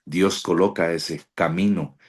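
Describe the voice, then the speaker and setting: A man's voice: deep voice, steady tone, measured pace. A Colombian man, a pastor with a Colombian Spanish accent, preaching a devotional sermon and praying with fervent, repetitive prophetic declarations. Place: online devotional broadcast.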